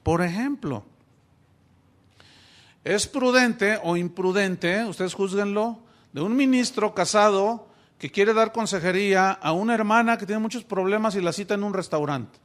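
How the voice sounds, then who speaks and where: A man's voice: high voice, unhurried. A middle-aged pastor from Mexico preaching a sermon, asking his congregation rhetorical questions.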